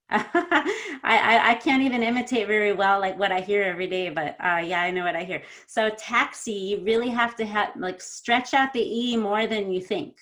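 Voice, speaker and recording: A woman coaching pronunciation in an online lesson, correcting students and modelling sounds slowly and encouragingly. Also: medium pitch, fairly bright tone. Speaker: accent coach.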